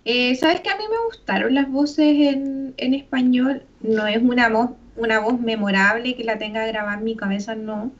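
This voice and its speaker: A woman's voice: a little high, normal speed, few pauses. Chilean woman on dull lo-fi audio. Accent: Chilean Spanish. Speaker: podcast co-host. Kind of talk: casual film review chat.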